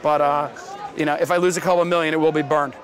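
A man's voice: on the high side, flat delivery, fast, crowd noise. A man, an options trader, talking bluntly and cynically in a candid interview. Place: busy trading floor. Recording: noisy trading floor, music behind.

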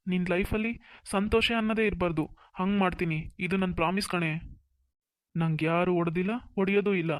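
Guy doing a sneaky vengeful young cartoon villain, high flat voice, dry close mic. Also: no room sound, natural voice. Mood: gloating menace. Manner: sweet-talking, then gloating and menacing. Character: scheming vengeful young male student villain. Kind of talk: Kannada cartoon voice acting.

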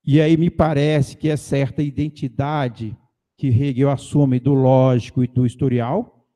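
A middle-aged man giving an academic lecture from a panel table into a table mic, measured and pausing to think. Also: mid-range voice, steady tone, warm tone. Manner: measured, thinking aloud with pauses and fillers. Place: conference hall, seated at a panel table. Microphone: table mic on a stand.

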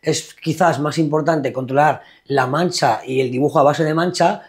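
A man's voice: on the high side, moderate pace, slightly rough. A man with a Peninsular Spanish accent, narrating a painting tutorial as a voice-over in a patient, reassuring way. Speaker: watercolor painting teacher.

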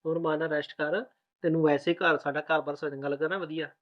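A man playing a fast-talking reassuring young husband. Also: fairly high pitch, flat delivery, highs cut off, lightly acted. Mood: soothing. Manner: rapid, reassuring, soothing. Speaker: groom. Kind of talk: village family drama acting.

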